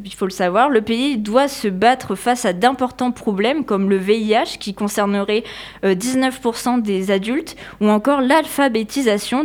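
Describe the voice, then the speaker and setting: Brief: woman, somewhat high voice, relaxed chatty history presenter, hesitant and explanatory. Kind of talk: casual spoken history presentation.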